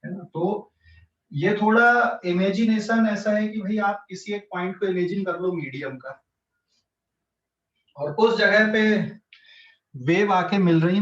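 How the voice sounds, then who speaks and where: Male online physics tutor with a central Indian accent who keeps checking understanding; high voice, roomy and muffled sound. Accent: Hindi-English mixed speech, central Indian. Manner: explains step by step, checks often if students follow. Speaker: physics teacher. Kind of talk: online class lecture. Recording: echoey distant lo-fi online class.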